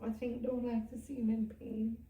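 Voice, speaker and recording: A woman pastor talking candidly in an interview, soft-spoken. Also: a little high, little pitch movement, normal speed, dull audio. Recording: roomy sound from a distant mic.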